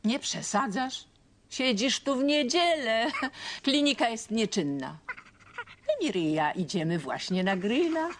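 A woman's voice: on the high side, very animated, measured pace, a little hiss or hum. A woman voicing a friendly cartoon woman who coaxes a friend to join her. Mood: coaxing. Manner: friendly, coaxing. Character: friendly woman Adela, warmly coaxing. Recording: cartoon music behind.

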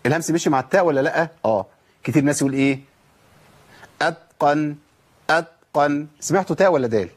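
A man's voice: medium pitch, expressive, racing, darkish tone, husky. A man with an Egyptian accent teaching the rules of Quran recitation. He asks questions and answers them himself, and repeats sounds to demonstrate them.

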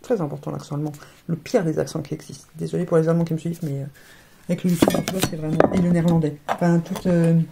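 Speaking fast in a low, creaky, mellow voice with little pitch movement, a female beauty vlogger unboxes advent calendars in a relaxed chat. She stumbles and repeats herself often, and the recording carries a slight hiss or hum.

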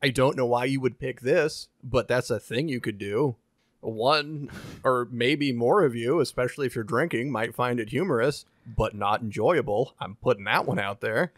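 A man's voice: mid-range voice, normal speed, dry recording, studio quality. A man co-hosting a game podcast, talking in loose, swearing banter. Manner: animated, swearing, rambling banter. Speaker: podcast co-host. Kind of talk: casual chat.

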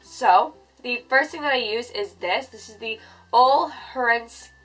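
A woman's voice: on the high side, unhurried, fairly bright tone, soft background music, poor audio. A woman in her twenties with a stuffy nose from a cold, chatting casually to camera like a beauty vlogger. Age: 20s. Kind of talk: casual skincare vlog talk to camera. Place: furnished bedroom, indoors.

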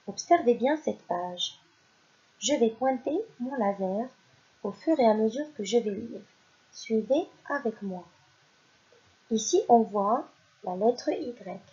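Woman, teacher, recorded lesson for children, sounds out syllables, slightly high voice, muffled lo-fi sound. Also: warm tone. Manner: slow, deliberate, sounding out syllables. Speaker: primary school teacher. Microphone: voice-over for slides. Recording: dull lo-fi recording.

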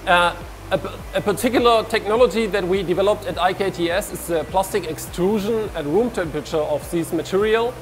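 A man's voice: high-pitched, fairly quick, a little hiss or hum. A man, giving a walking tour of an industrial hall and explaining with his hands as he talks into a lapel mic. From Germany. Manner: explains with hand gestures, frequent restarts. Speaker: researcher giving a lab tour. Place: large industrial hall, indoors.

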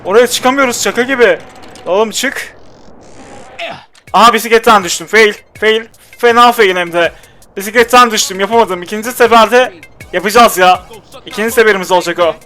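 High-voiced exasperated Turkish-speaking gamer. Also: male voice, brisk, sharp tone, faint music behind. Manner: exasperated, talks to the game character. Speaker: gameplay commentator. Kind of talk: casual gameplay commentary.

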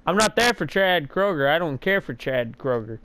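An excitable man chats while gaming with a friend, often shouting and laughing. His voice sits on the high side with a gravelly edge. He talks loosely and reacts loudly. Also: normal speed, dry recording. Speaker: gamer. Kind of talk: casual gaming chat.

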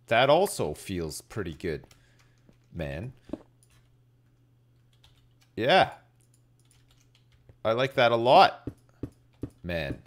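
A middle-aged man with a low-pitched voice chats to viewers while gaming. He rambles in a laid-back way and swears freely. He is close on the mic at a desk indoors, with clear noise and clicking behind him. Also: big pitch swings, extremely slow, pauses often. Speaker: game streamer. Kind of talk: casual live gaming commentary, chatting with viewers.

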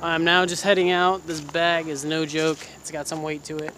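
A young vlogger with a fairly high, bright, pushed voice walks beside a busy road outdoors, chatting casually to his phone camera at a normal speed with a flat delivery. He's out of breath, rambling and self-deprecating, and there's a little hiss or hum.

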